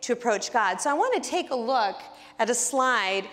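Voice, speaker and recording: A woman with a somewhat high voice teaches a Bible lesson through a personal story. She tells it with animation and acts out each bit of dialogue. Her voice carries a long reverb tail, as if recorded in a large hall. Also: lively intonation, normal speed, fairly bright tone.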